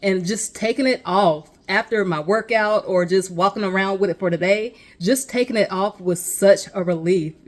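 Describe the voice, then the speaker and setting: A woman's voice: medium pitch, normal speed, hardly any pauses. A woman talking casually to the camera in a vlog, chatty and encouraging, with emphatic asides to her viewers. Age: adult with a child. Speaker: vlogger.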